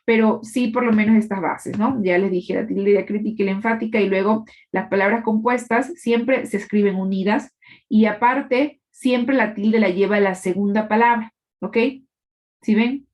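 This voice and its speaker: A woman teacher leads a live online class, explaining things patiently and checking in with her students through tag questions. Her voice is medium-pitched, steady and a little mellow, at normal speed.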